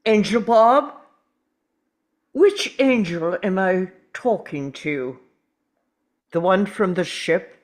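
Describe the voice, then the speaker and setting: During a script table read, an actor voices an urgent, stubborn, protective time traveller, speaking earnestly and deliberately in a questioning mood. The delivery is animated, at medium pitch.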